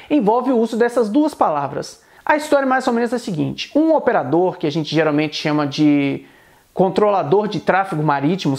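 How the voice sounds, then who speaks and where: Lively man teaching English pronunciation. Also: high voice. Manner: explanatory, repeats example words slowly and clearly. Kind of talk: online pronunciation lesson.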